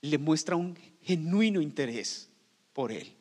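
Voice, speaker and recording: A man preaching a sermon as pastor, swinging from loud cries down to hushed near-whispers. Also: on the high side, animated, unhurried, slightly rough, big-room sound.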